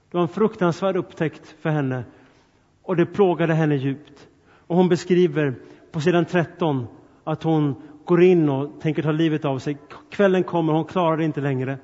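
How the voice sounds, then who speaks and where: A man with a fairly high voice preaches a sermon, earnest and direct, turning to the congregation with questions and appeals. His voice rings with a long reverb through a large church hall, and the recording sounds somewhat dull. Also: a little mellow.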